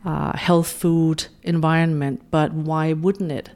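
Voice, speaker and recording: A woman's voice: low-pitched, little pitch movement, slow, darkish tone. A woman in her forties from Denmark, talking as a guest in an interview, reflective and full of "you know" and "uh" fillers. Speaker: guest, beauty brand founder. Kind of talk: conversational interview.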